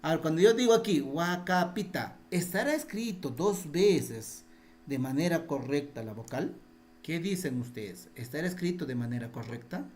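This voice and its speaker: A man's voice: a little high, animated, moderate pace, darkish tone. A man teaching a Quechua spelling class in Peruvian Spanish over a video call. He repeats his points patiently and quizzes his students. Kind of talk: online class, explaining spelling.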